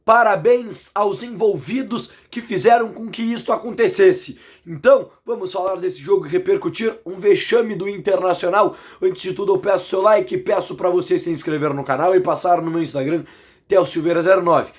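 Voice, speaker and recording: A man with a Brazilian accent and a fairly high, hoarse voice breaks down a football match in a casual vlog. He speaks in an emphatic, indignant way, pressing his points hard. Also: moderate pace. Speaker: football commentator.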